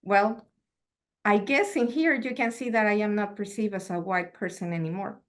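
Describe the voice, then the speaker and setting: A Mexican woman whose first language is Spanish, a university lecturer, gives an academic lecture in a medium-pitched voice. Her delivery is measured and reflective, and she poses rhetorical questions.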